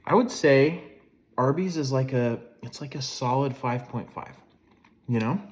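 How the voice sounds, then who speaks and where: A man's voice: medium pitch, unhurried. A man in his forties giving a casual food review, chewing as he talks between bites.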